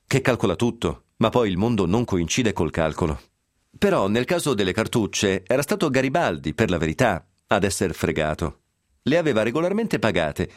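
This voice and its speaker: A fairly low-pitched man delivers a scripted radio history segment from a studio, slipping in sly asides with ironic wryness. The recording is clean and free of echo.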